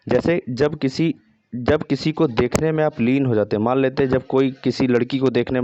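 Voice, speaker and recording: A man's voice: medium pitch, darkish tone, no room sound. Male teacher, walks through vocabulary tricks, spells words out and repeats them; dry, dull lo-fi sound. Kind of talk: vocabulary lesson with memory tricks.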